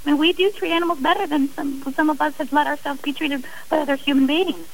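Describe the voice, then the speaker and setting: Speaking quickly in a high, steady voice, a middle-aged woman recounts her personal experience as a radio interview guest. She is earnest and speaks from the heart, frequently starting her sentences over. The audio is rough.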